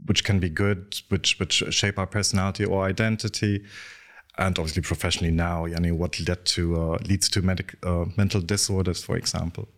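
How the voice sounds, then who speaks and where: Deep-voiced Dutch-accented man, thoughtful. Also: steady tone, fairly quick. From Netherlands, raised in the UAE. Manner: thoughtful, frequent ums and restarts. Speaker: clinical psychologist guest. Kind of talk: interview conversation.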